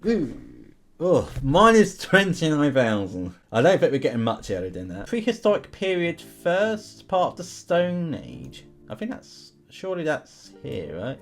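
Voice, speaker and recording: In a fairly high voice with huge pitch swings, a man speaks a little slowly over soft background music. As a YouTube gamer host, he gives casual commentary on an online history quiz game, thinking through questions aloud and chatting to viewers.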